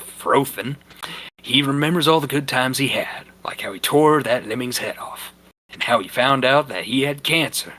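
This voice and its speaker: A man reads a story aloud as narrator in an amateur, dramatic comic style, stumbling at times and breaking into amused asides. His voice is medium-pitched, pushed, and bright, picked up over voice chat on a computer or headset mic.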